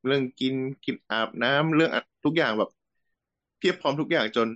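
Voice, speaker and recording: Halting male storyteller, dull lo-fi sound. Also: medium pitch, fairly bright tone. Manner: halting, restarts often. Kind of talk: casual storytelling.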